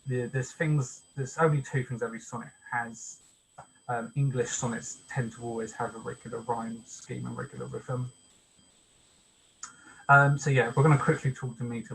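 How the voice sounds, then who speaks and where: A man of average pitch leads a poetry workshop, explaining ideas step by step. He talks casually and hesitantly, filling pauses with ums. A faint hiss of noise sits under the recording. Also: a bit bright, poor audio. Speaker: workshop leader. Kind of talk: informal online workshop lecture.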